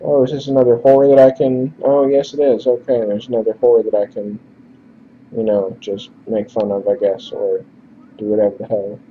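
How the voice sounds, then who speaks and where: His voice is mid-range, with a flat delivery at a moderate pace. As a let's play narrator, he offers casual commentary, reading the game's text aloud with sarcastic, offhand remarks, all captured in a dull lo-fi recording with faint hiss.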